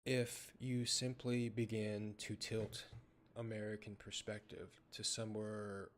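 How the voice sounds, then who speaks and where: A man streaming from home, ranting in a rambling, loud way with swearing and restarts. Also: fairly low pitch, little pitch movement, a little slow, a little hiss or hum. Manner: says he talks loud. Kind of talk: casual ranting commentary. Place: home room with a cat.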